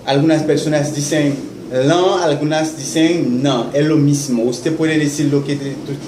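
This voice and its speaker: A man teaching in a classroom, slowly repeating words for students to echo. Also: on the high side, fairly even intonation, a little mellow. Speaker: Haitian Creole teacher. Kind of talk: classroom lesson. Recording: echoey classroom with faint noise.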